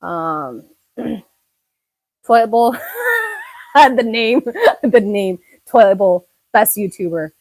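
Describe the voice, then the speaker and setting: On a live stream, a young Thai woman, a YouTuber, reads her viewers' chat and answers their comments in a chatty way, repeating words, using many fillers and often saying things twice. Her medium-pitched voice is expressive and a little mellow, and she speaks extremely slowly with frequent pauses. The recording is dry and rough.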